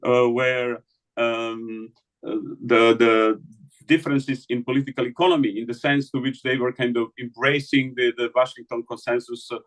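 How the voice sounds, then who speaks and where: A man's voice: medium pitch, little pitch movement, moderate pace. A man from the Balkans, an interviewed scholar, speaking hesitantly in an academic conversation with many fillers and restarts.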